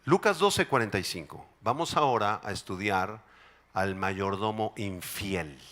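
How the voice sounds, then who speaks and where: Animated Mexican pastor preaching. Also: male voice, fairly low pitch, measured pace. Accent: Mexican Spanish. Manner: lively preaching, swinging from loud to hushed. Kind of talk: sermon.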